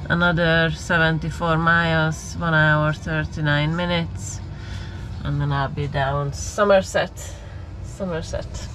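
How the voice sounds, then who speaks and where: Woman, 40s, has a cold, slow relaxed vlog chat, lowish voice, lorry cab, dashboard camera. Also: slight background noise. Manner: relaxed, chatty, laughs often, slightly non-native phrasing. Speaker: lorry driver vlogger.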